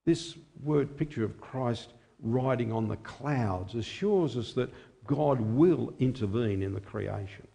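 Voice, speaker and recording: A man in his sixties preaching a sermon in a small chapel at a lectern microphone, measured and expressive. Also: mid-range voice, vocal fry. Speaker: chaplain preaching.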